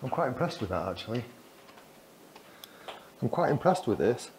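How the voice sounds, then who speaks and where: His voice sits at a medium pitch with a darkish tone, very animated and at a normal speed, as this vlogger chats casually through an indoor walkie-talkie test. He films in the corridors of a residential building, with background noise coming through clearly.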